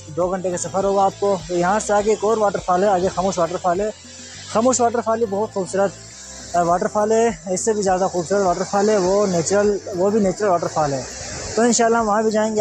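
A man's voice: high voice, steady tone, fairly quick, a little mellow, faint music behind. A young man from Pakistan chatting casually to viewers as a travel vlogger, filming outdoors by a mountain waterfall on a phone held at arm's length. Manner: chatty, touristy, addressing viewers directly. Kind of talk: casual travel vlog narration.

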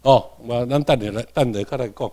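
A man's voice: mid-range voice, quick pace, mellow. A man from Tainan, Taiwan, with a Taiwanese accent, giving a classroom lecture. He repeats key points and keeps checking in with his students.

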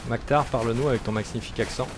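A man's voice: mid-range voice, fairly even intonation, quick pace, a little hiss or hum. A man giving casual gameplay commentary as a gaming YouTuber, talking in a chatty, hesitant way full of fillers.

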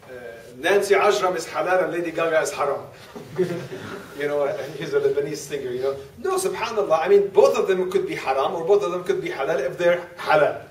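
Standing and gesturing, a man in his forties delivers a relaxed, conversational classroom lecture and laughs readily, surrounded by display boards. His voice is on the high side, with slight background noise; a distant camera picked it up in an echoey room.

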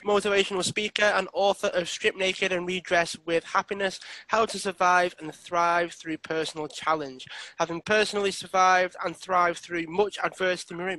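A man's voice: high voice, sharp tone, no room sound, poor audio. A man hosting a podcast, introducing his guest and asking eager questions. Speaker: podcast host. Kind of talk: podcast interview.

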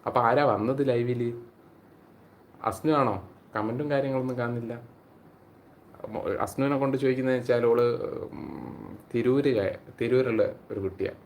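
A man's voice: mid-range voice, animated, moderate pace, vocal fry, pauses often, slight background noise. A man, hosting a casual live stream on his phone and chatting with viewers by name. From Kerala, India. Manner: chatty, greets viewers by name and reads their comments aloud.

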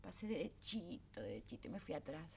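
A woman's voice: low-pitched, very animated, a little fast, vocal fry, background noise, heavily acted. An actress playing a fiery working-class mother, a former factory girl, speaking with a Rioplatense accent and often near tears. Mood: wistful. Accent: Rioplatense Spanish. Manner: emotional, exclaiming, voice breaking into tears. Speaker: actress in TV drama. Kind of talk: 1970s TV drama acting.

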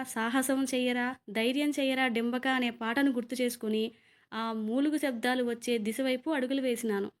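A woman's voice: high voice, a little mellow. A woman narrating a first-person horror story in a vivid, exclamatory style.

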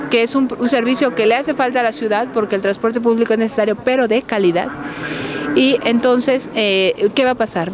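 A woman legislator in her forties answers a reporter inside a busy chamber, her voice a touch high for a woman. She explains earnestly, restarting phrases as she goes. Crowd chatter runs clearly behind her. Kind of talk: press interview. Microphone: handheld reporter mic and phones held close.

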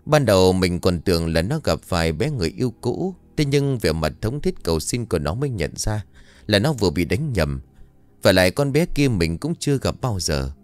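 A man narrating a ghost story in the first person, lively and expressive. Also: low-pitched, normal speed, no echo, soft background music.

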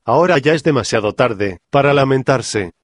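A man voicing a calm, sensible male hobbit leader in an audiobook parody. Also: mid-range voice, normal speed, no echo, studio quality, lightly acted. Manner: calm, composed.

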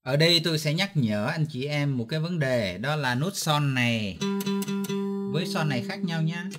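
A man's voice: fairly high pitch, lively intonation, moderate pace, fairly bright tone. A man from Vietnam teaching a guitar lesson step by step, patiently counting beats and calling out note names. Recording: guitar playing in the background.

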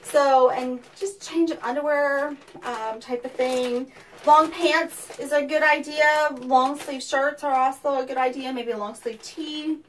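A woman's voice: high-pitched, fairly even intonation, unhurried. A woman giving a chatty, practical how-to talk from a small underground tornado shelter, her voice carrying a hollow cave-like echo. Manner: practical, instructive, chatty with fillers. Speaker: safety presenter for a weather company. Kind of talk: casual how-to demonstration. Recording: distant mic, cave echo, faint noise.

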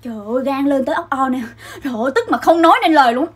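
A young woman, telling a comic childhood story in an animated, dramatic way. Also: high voice, rapid-fire, raised voice, very noisy. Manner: animated and dramatic, acts out scenes. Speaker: vlogger.

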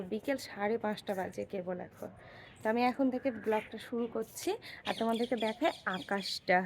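A woman with a high, bright-pitched voice talks straight to her viewers from a rooftop, recorded on a phone. She keeps up an easy running chat and gives her child steady instructions, with faint outdoor noise and birds behind her. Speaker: vlogger and mother. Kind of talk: casual daily-life vlog.

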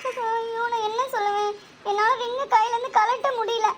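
A woman voicing a young cartoon woman who talks in a soft, tearful, pleading way. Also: extremely high pitch, fast, slight background noise. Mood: upset. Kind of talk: cartoon voice acting.

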